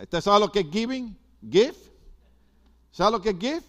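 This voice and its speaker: Older man, Puerto Rican accent, pastor preaching, high voice, repeats phrases for emphasis. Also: lively intonation, unhurried, pushed and bright. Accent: Puerto Rican Spanish. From Puerto Rico. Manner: emphatic preaching with repetitions and asides to the congregation. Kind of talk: sermon.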